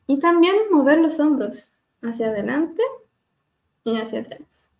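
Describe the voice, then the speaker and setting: A woman speech therapist leading a webinar on voice care, gently demonstrating hums and glides over a video call and laughing at herself now and then. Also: high voice, measured pace, gravelly. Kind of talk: live webinar lesson on vocal exercises.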